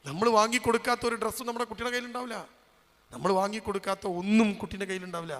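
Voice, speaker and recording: Man, sermon, rhetorical questions, dramatic swings in loudness, ringing voice, echoing hall. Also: sits high, steady tone, rapid-fire. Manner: dramatic, swinging from loud calls to hushed asides. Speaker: Islamic preacher and college lecturer.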